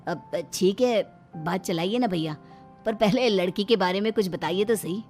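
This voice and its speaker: A woman's voice: medium pitch, moderate pace, a little mellow, soft background music, lightly acted. A woman voicing a plain-spoken village husband in a cartoon story. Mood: agreeable. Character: village husband, agreeable to elders, nagging his wife.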